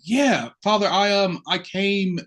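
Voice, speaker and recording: A man with a high, slow, fairly bright voice appears as a guest on a podcast. He's an assistant curate from Chicago, and he tells his story openly and reflectively in the easy style of a casual interview.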